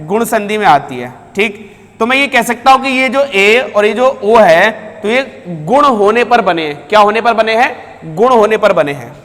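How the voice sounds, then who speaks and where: High-voiced male teacher, echoing room. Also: animated, moderate pace, a bit bright. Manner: asks questions and answers them himself; repeats key terms. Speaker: Hindi teacher. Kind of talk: classroom lecture.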